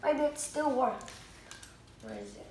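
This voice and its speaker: A woman vlogger unboxing a toy, excitedly exclaiming and talking to viewers in slightly broken English. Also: high-pitched, a little slow. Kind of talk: casual unboxing vlog. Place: indoors at home. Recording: echoey room, faint noise.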